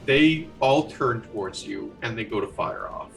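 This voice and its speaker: A man's voice: lowish voice, big pitch swings, unhurried, creaky, far from the mic, loud music behind the voice. A man narrating combat as game master of a tabletop role-playing game, in a casual, rambling way with many fillers.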